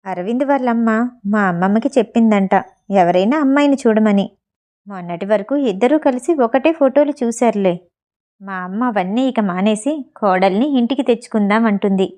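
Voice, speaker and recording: A woman's voice: medium pitch, a little fast, natural voice. A woman reading the lines of a teasing, protective young man in a storybook reading. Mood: casual. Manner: teasing, then sharp when annoyed.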